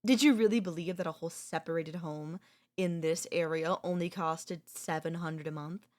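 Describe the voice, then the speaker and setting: A woman performing an ASMR audio role-play as a girlfriend, speaking calmly with a cutting, quietly possessive edge. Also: on the low side, moderate pace.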